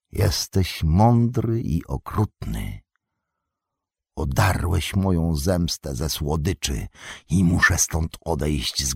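A man voicing an old, fallen male wizard who is scornful and spiteful, speaking slowly and menacingly in an audiobook reading. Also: low voice, creaky, breathy edge, no room sound, clean studio sound, heavily acted. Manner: sneering, slow and menacing, rising to shouts.

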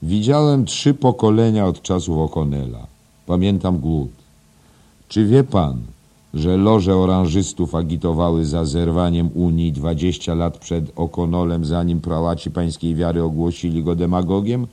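A man's voice: low voice, normal speed, mellow, voice pushed up, lightly acted. A man doing a pompous old schoolmaster. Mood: stern. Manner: preachy, self-satisfied, emphatic.

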